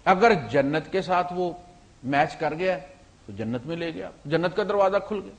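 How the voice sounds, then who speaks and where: With a fairly high pitch, a male Islamic preacher gives a sermon built on storytelling. His delivery shifts between forceful emphasis and soft asides, and he slips English words into his talk.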